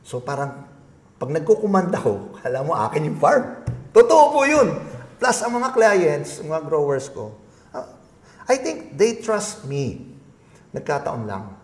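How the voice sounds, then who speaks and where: A man's voice: on the high side, huge pitch swings, takes it slowly, echoey room. A middle-aged man, a guest being interviewed, telling a long personal story in a polite, rambling way with many restarts. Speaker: guest, agribusiness consultant.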